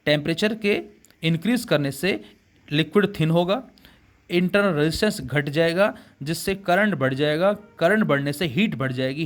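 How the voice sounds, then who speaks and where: A man teaching physics in Hindi mixed with English terms, calling his students beta and asking questions he answers himself. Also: fairly high pitch. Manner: asks rhetorical questions and answers them himself. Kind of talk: classroom physics lecture.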